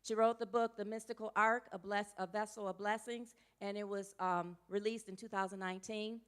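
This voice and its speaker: A woman's voice: mid-range voice, fairly even intonation, normal speed, smooth. A woman minister introducing a guest speaker in church, chatty and emotional, with casual asides to the congregation. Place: church sanctuary.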